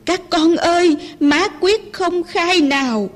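A woman voicing a defiant old peasant mother who shouts back at soldiers, declaiming in verse. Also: very high-pitched, slow, pitched above the performer's own voice. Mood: resolute. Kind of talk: poetry recitation.

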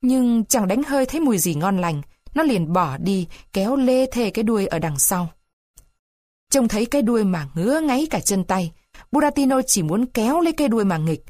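Expressive woman reading a storybook. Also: a little high, fairly quick, no room sound, studio quality. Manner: expressive, varied pacing. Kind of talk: storybook read-aloud.

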